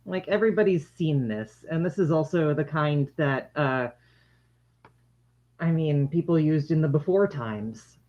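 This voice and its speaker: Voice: mid-range voice, measured pace, darkish tone. Casual livestream demonstrator with dull lo-fi sound. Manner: conversational, explanatory, addressing viewers. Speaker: livestream host demonstrating handmade face masks. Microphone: shared microphone, sometimes turned away from it.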